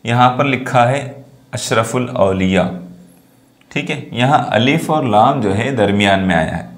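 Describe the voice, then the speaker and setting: A man's voice: mid-range voice, normal speed. A man teaching a grammar lesson, who asks his students questions, answers them himself and repeats the key points. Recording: echoey room.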